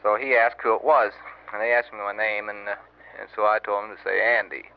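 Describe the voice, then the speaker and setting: A young man, a Marine sergeant, telling a long story in a rambling, halting way on an old wire recording. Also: on the low side, flat delivery, gravelly, clean tone. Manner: rambling and halting, many fillers and restarts. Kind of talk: casual spoken letter, storytelling. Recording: muffled old wire recording with faint hiss.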